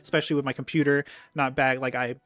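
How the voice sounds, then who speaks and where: A man's voice: mid-range voice, flat delivery, quick pace, a bit bright, no echo. A man hosting a casual chat, talking in a rambling way full of ums and offhand swearing. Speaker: host.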